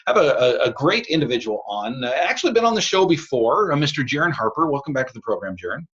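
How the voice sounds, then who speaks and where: A man's voice: medium pitch, very animated, fast talker, a bit bright, breathy edge. A man hosting a podcast in a chatty, apologetic way, sounding tinny and tin-can-like through a laptop microphone. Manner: chatty, apologetic, many filler "uh"s. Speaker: podcast host. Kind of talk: casual podcast chat. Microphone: built-in laptop microphone.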